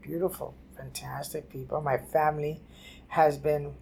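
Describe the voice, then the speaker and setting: An older woman from New City, telling her life story haltingly in an oral history interview. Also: low voice, flat delivery, gravelly, warm tone, a little hiss or hum. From New York City. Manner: halting, repeats and restarts phrases. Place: library office.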